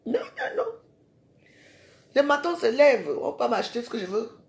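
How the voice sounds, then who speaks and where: A woman's voice: fairly high pitch, animated, normal speed, a little mellow. A woman ranting in a live social media video. She is confrontational and scolding and keeps firing rhetorical questions at her viewers.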